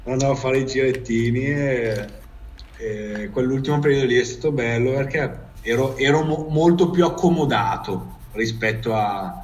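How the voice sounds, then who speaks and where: A man's voice: mid-range voice, moderate pace. Slangy northern Italian man, off the mic. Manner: rambling, slangy, swearing. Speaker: storyteller recalling life abroad. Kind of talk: casual storytelling chat. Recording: distant mic.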